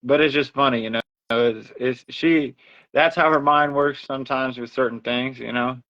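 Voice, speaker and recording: A man's voice: mid-range voice, fairly even intonation, moderate pace, bright, forceful tone. A man chatting casually on a livestream as its host, telling everyday stories in a talkative way. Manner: chatty storyteller, acts out others' remarks. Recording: dull lo-fi audio.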